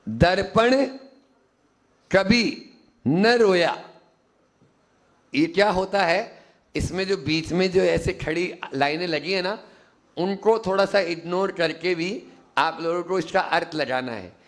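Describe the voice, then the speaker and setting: A man, a Jain monk, giving a sermon at a teaching camp, asking his listeners questions and acting out little voices as he explains. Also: high-pitched. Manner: teaching, asks the audience questions and acts out quick voices. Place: teaching camp hall with audience.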